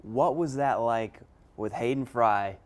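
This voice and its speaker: A male sports director with a mid-pitched voice, hosting a TV feature. He asks his questions in a friendly, upbeat way. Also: slow.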